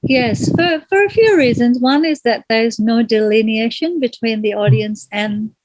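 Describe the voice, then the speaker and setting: Soft-spoken woman, slightly high, dry sound. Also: a little slow, no room sound, poor audio. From Malaysia. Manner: gentle, thoughtful, searches for words. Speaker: guest, kirtan singer. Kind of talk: reflective interview conversation.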